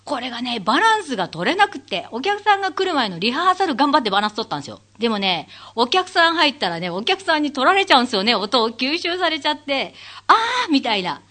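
A woman's voice: fast talker, few pauses. A woman hosting her own talk show, chatting alone and acting out what people said with big jumps in her voice, laughing often. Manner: animated storyteller who acts out quotes with big pitch leaps; laughs often while talking. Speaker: radio show host; stage manager. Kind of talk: casual solo talk-show monologue.

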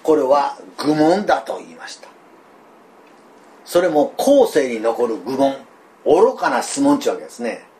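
An older man with a Kansai accent, preaching a sermon in a folksy, animated way, full of fillers and asides. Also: medium pitch, normal speed. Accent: Kansai (Osaka dialect). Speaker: pastor.

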